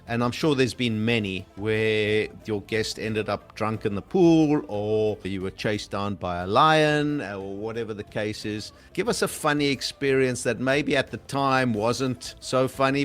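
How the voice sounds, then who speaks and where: A man hosting a travel interview, asking questions in a friendly, chatty way. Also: lowish voice. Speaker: podcast host.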